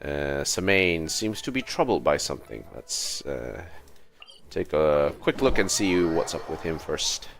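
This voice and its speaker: This gamer on a livestream has an extremely low, gravelly voice and takes his time as he chats and rambles. His storytelling is lively, broken up by exasperated asides, and game music runs underneath.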